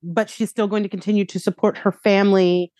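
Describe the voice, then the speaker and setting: A woman's voice: medium pitch, little pitch movement, brisk, a little mellow. Woman cohost chatting gossip, jokey, says like constantly, dry sound no room echo. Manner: peppers speech with "like". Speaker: co-host. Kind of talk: casual gossip chat about reality TV.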